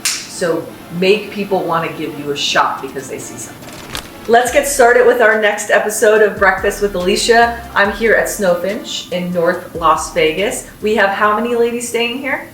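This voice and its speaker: Faint music plays behind a woman with a mid-range, slightly bright voice and moderate pace. The host and company founder offers students upbeat encouragement on her casual podcast from an echoing room in a North Las Vegas house. The recording has roomy echo, a distant mic and faint hiss.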